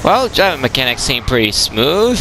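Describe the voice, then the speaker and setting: A man's voice: mid-range voice, very animated, normal speed, background noise. A man hosting a gaming video with casual, wry and jokey play-along commentary. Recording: game music behind the voice. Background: video game music.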